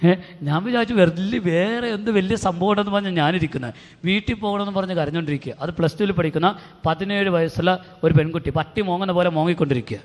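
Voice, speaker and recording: A middle-aged man from Kerala with a Malayali accent, giving an animated retreat talk to youth and acting out the people in his stories. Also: high-pitched, quick pace. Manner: animated storytelling with acted quotes. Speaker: retreat preacher. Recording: long hall reverb.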